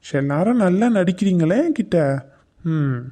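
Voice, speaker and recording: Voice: mid-range voice, lively intonation, moderate pace, warm tone, natural voice. Voice actor as a sulky, sarcastic young grandson. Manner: sullen, sarcastic. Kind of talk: cartoon comedy acting.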